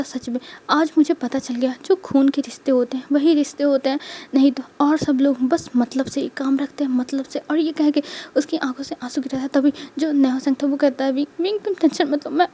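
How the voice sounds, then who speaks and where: A woman's voice: sits high, dark tone. A woman narrating a fan story in an emotional voice, stammering repeats as she acts out crying characters. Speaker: fanfiction narrator.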